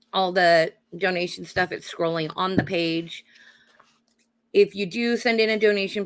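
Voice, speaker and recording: A woman with a cold, her voice going hoarse, giving live psychic card readings and calling her viewers honey and darling while checking in with "okay?". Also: on the low side, fairly bright tone. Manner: calls viewers honey and darling, adds "okay?" tag questions.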